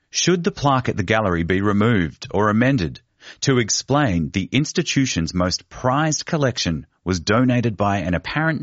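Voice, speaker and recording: A man giving a measured, deliberate scripted narration of a feature article. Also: lowish voice, no echo. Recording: dull, muffled studio read.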